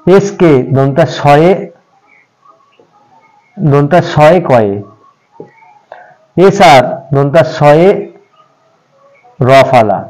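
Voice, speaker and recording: A man gives a beginner pronunciation lesson. His voice sits a little high and moves up and down a lot. He talks patiently, repeating each example slowly for his viewers. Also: animated, a little mellow, low-quality recording. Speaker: English teacher.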